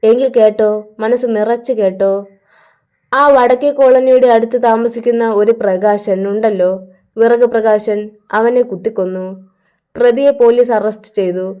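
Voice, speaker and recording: A woman's voice: on the high side, fairly even intonation, moderate pace, warm tone, clean tone, dull audio, close to an everyday voice. A woman doing a scornful stern father.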